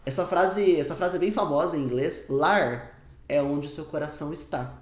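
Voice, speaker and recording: A man teaching English in an online lesson, emphatic and repetitive, saying English example phrases slowly. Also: a little high, echoey room.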